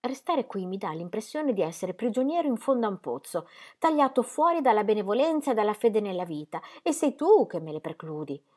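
A woman's voice: medium pitch, lively intonation, moderate pace, mellow, lightly acted. A woman reading an audiobook, voicing a restless, demanding young male artist in impassioned, pleading outbursts.

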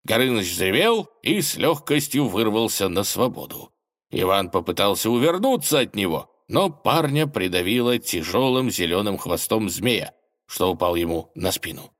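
A man narrating a fairy tale in a playful, expressive reading style. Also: lowish voice, normal speed. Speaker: storyteller.

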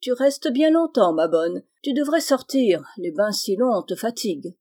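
A woman's voice: fairly high pitch, lively intonation, a little slow, warm tone. A woman reading aloud, voicing a fussy, timid middle-aged husband who frets in a prim, anxious way.

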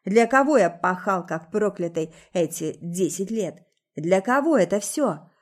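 Woman doing a cruel controlling husband, shouting, hissing, bitter, spoken story. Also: medium pitch, expressive, measured pace, close to an everyday voice. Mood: contemptuous. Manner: shouting, hissing through clenched teeth.

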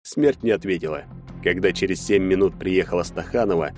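Low-voiced male audiobook narrator. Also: a little fast, faint music behind. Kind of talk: first-person audiobook narration.

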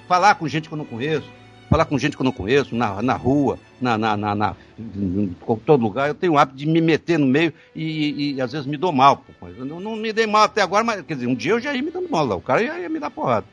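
A man's voice: mid-range voice, muffled recording. A man, a voice actor, telling stories in casual chat with lots of laughter and stammered repeats. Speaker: voice actor guest.

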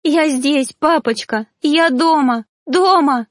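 A grief-stricken young ghost girl, as a woman reader puts her on in an audiobook, crying and begging in a high, strained voice that climbs far above the narration. The reading is close and dry, with no room sound. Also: moderate pace, mellow, husky, no room sound. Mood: sobbing, pleading. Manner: high, tearful, pleading cries.

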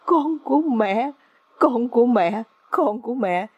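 A woman reading aloud, putting on a mother who weeps softly and tenderly over her son. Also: a little high, expressive, unhurried, slightly rough, no echo, muffled recording.

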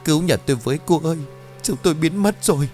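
A man voicing a desperate middle-aged woman who begs for help in a high, tearful voice. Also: animated, normal speed, soft background music, close to an everyday voice. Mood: pleading tearful. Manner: tearful, pleading, high-pitched.

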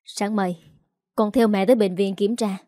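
A woman's voice: steady tone, normal speed, dark tone, dry recording, studio quality, lightly acted. A woman playing a distraught, scolding mother. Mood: low firm. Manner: scolding, shrill when upset. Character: distraught middle-aged mother, sharp-tongued and anxious.

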